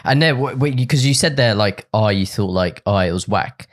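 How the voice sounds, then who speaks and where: A man's voice: on the low side, expressive, moderate pace. A man interviewing a guest in a casual, slangy chat.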